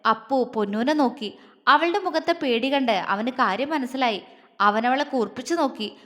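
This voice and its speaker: A woman narrating a story and reading all the parts herself, in a lively manner. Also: high voice, normal speed, in a large hall.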